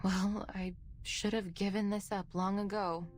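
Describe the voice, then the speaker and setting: A woman's voice: medium pitch, flat delivery, measured pace, a little mellow, faint music behind, lightly acted. A woman acting a weary, driven scholar. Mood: weary, resigned. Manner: earnest, brooding, sighing soliloquy.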